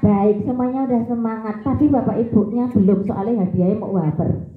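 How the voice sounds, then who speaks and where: A woman's voice: on the high side, fairly quick. A woman, a children's storyteller playfully leading a school assembly. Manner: playful, coaxing, chants with the audience. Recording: echoey lo-fi hall sound with crowd.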